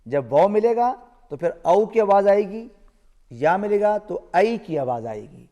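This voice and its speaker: A man with a fairly high voice leads a children's Quran reading lesson, drawing each syllable out slowly and stressing it hard so the class can copy him. He is recorded in a broadcast studio with a long, lingering reverb. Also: big pitch swings. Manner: slow, drawn-out syllables with loud emphasis for repetition. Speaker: Quran teacher.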